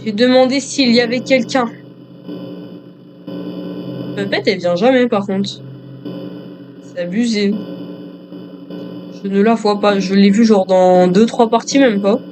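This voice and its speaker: A man's voice: high-pitched, normal speed, pauses often, over music. A male gamer doing joking commentary on a horror game, talking to himself and to viewers as he plays.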